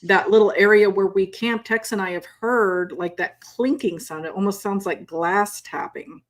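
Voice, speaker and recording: A woman hosting a podcast interview, eager and chatty, with quick affirmations. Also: medium pitch. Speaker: podcast host. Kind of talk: casual interview chat.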